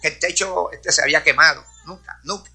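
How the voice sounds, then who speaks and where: A man speaks to a congregation in a testimony-style sermon, sprinkling hallelujahs and praise between his sentences. His voice sits high for a man, with a sharp, very bright edge. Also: a little fast, vocal fry, slightly rough. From Puerto Rico. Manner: peppers speech with hallelujahs and praise. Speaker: church speaker.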